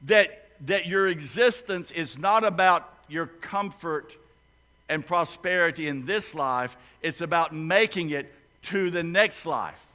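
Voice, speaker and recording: Male pastor, higher-pitched bright voice, lively preaching with loud peaks and soft asides. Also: slow pace. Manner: animated preaching, swings from loud emphasis to low asides. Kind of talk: sermon. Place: church sanctuary.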